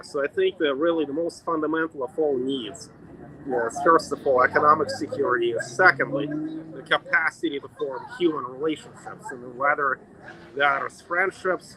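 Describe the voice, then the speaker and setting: A man's voice: fairly high pitch, low-quality recording. A middle-aged man from Russia hosting a casual chat outdoors, talking emphatically in repeated lists. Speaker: host.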